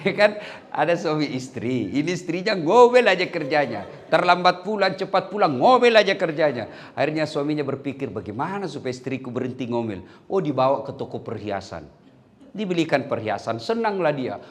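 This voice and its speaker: An Islamic preacher gives a humorous sermon, joking, telling stories and acting out what the people in them say. His fairly high voice swings widely in pitch at a normal speed.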